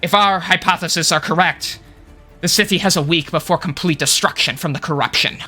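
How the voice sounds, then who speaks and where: Tabletop game role: old goblin scholar played by a man, highish, tense, solemn and urgent, formal wording. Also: fairly quick, pushed and bright, faint music behind. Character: elderly, overstressed goblin headmaster and scholar, male.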